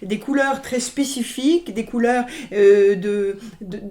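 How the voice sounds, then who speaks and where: A woman's voice: mid-range voice, unhurried, mellow. A woman violinist answering interview questions, speaking with many hesitations, fillers and restarts. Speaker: violinist guest. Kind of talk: conversational interview.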